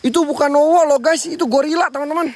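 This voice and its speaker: A man's voice: extremely high pitch, fast, crowd noise. A man hosting a night ghost-hunting vlog outdoors near a sacred tree, jumpy and frightened as he talks to his viewers. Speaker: paranormal explorer and host.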